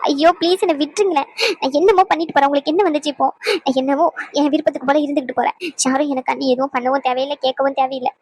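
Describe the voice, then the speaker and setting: A woman's voice: high voice, fairly even intonation, racing, darkish tone, no room sound. A woman voicing a hurt, defiant young pregnant wife in a dubbed cartoon, talking in bitter, sarcastic pleas.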